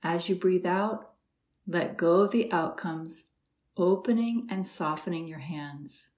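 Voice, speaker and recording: A woman guiding a slow, soothing meditation with gentle instructions and long pauses. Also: fairly low pitch. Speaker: meditation guide. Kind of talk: guided meditation.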